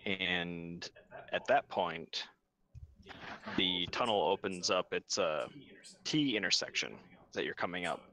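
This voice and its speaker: A young man narrating a tabletop game as game master, relaxed and full of fillers and pauses. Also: sits low. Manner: relaxed, hesitant with many fillers.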